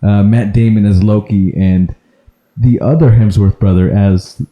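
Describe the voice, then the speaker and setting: A man's voice: on the low side, steady tone, unhurried, mellow, reverberant. A man co-hosting a podcast, chatting casually about movies, laughing often and trailing off mid-sentence. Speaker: podcast co-host.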